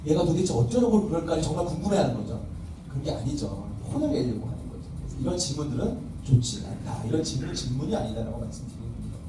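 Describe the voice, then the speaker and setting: A man's voice: a little high, very animated, fast talker. A man, a pastor, teaching a parenting workshop at church, quizzing the audience and acting out parent-child dialogues. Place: church welfare hall classroom. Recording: distant mic in a reverberant hall with faint noise.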